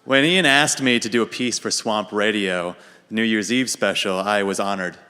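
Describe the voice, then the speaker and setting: A young American man telling a dry, deadpan comic story about himself on a radio show. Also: lowish voice, normal speed. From United States. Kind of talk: humorous personal monologue. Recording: reverberant hall.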